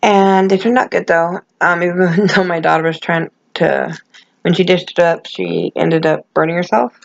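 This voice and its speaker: A woman's voice: on the low side, steady tone, moderate pace, creaky, lo-fi sound. A middle-aged woman chatting casually as a vlogger, rambling and self-deprecating, with gummy, toothless articulation and no dentures in. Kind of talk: casual chat to camera.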